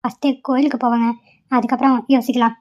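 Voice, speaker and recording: A woman's voice: on the high side, level tone, quick pace, a little mellow, lo-fi sound, lightly acted. A woman voicing a stubborn, devoted young wife in a cartoon, pleading and insistent. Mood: gentle. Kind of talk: cartoon voice acting.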